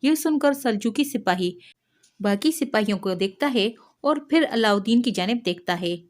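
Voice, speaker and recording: A woman recapping a TV drama episode in a steady storytelling delivery. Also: medium pitch. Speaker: TV drama reviewer.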